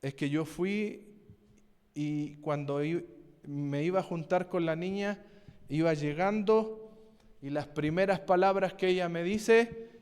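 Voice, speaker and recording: Pastor preaching in an echoing hall. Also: male voice, a little high, slow pace, a little mellow, clear, resonant tone. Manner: storytelling, asks the congregation questions. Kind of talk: sermon with personal testimony. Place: church hall. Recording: long hall reverb.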